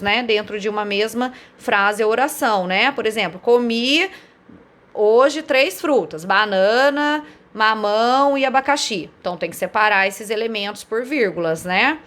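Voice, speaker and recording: A woman's voice: mid-range voice, fairly quick, hardly any pauses, sharp tone. Woman teacher for a recorded online lesson, patient explainer, keeps checking in with listeners, lists synonyms one after another. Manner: explanatory, frequent "né?" and "olha só" check-ins.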